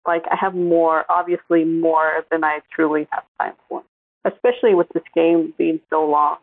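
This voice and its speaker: A woman's voice: sits low, steady tone, moderate pace, no room sound. A woman co-hosting a podcast, chatting casually and laughing easily. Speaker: podcast co-host. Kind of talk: casual chat. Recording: tinny phone-like line.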